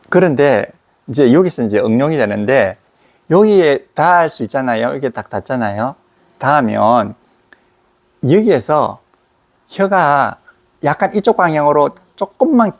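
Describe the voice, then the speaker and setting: Male pronunciation teacher, gravelly, stretches out example words. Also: medium pitch. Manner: repeats example words slowly, drawn out. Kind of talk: explaining and demonstrating pronunciation.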